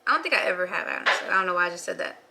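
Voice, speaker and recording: A woman's voice: on the low side, expressive, racing, vocal fry, pushed and bright, slight background noise. A woman vlogging in casual chat indoors in a small rental, bubbly and playful, laughing often. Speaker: travel vlogger. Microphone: camera mic, talking to camera.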